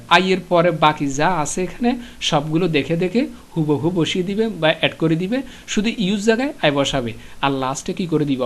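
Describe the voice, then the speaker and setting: Man, teacher, somewhat high pitch, patient, pausing, repetitive classroom talk. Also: fairly bright tone. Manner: patient, repeats questions to students, many filler "ah" pauses. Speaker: English teacher. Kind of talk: classroom lesson explanation.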